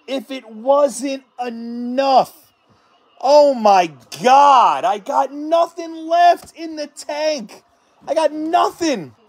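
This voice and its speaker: A man hosting a card-break stream, calmly calling out cards and then shouting in hyped excitement at the big hits. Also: very high voice. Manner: hyped, shouting exclamations between calm card callouts.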